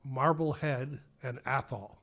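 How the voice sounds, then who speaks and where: A man's voice: mid-range voice, steady tone, slow pace, fairly bright tone. An older man from Massachusetts with an Ipswich accent, a podcast guest telling rambling, self-deprecating stories in casual conversation. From Massachusetts, USA.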